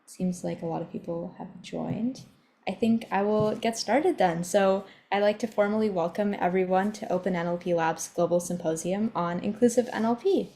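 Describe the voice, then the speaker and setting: A woman's voice: mid-range voice, moderate pace, dark tone. A woman hosting an online symposium on a video call, giving a friendly, organized welcome with some fillers. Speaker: event host. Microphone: computer mic on a video call.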